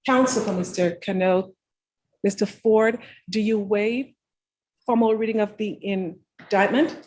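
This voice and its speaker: A woman's voice: medium pitch, a little slow, darkish tone, poor audio. A woman acting as court clerk, reading formal questions and oaths to defendants in a plea hearing.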